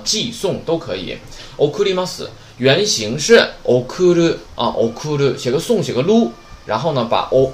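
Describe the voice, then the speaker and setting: A man teaching a Japanese vocabulary lesson, chatty and joking, often asking rhetorical questions. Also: medium pitch. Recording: roomy echo, faint background noise.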